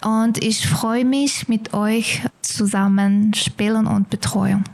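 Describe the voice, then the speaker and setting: A woman trainee assistant introducing herself in simple, halting sentences. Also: medium pitch, fairly even intonation, a little mellow.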